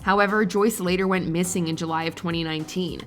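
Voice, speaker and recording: Low-voiced woman narrating a countdown. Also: faint music behind. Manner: even, measured countdown delivery. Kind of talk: scripted narration.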